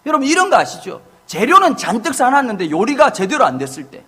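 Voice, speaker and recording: A man's voice: very high-pitched, fast talker, breathy edge. A middle-aged man preaching a sermon to his church, telling humorous family stories and acting out what his wife and children say. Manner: humorous, animated storytelling with acted family quotes. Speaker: pastor. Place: church sanctuary.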